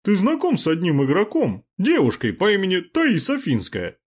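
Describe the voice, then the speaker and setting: A pompous, threatening rich young man pitched up high and loud, as a man narrator puts him on, husky at the edges and swinging his voice wildly between sneers and barked demands in an audiobook. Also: wildly swooping pitch, moderate pace, heavily acted. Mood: demanding. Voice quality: pompous, hissing menace. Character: arrogant rich young male game player, threatening.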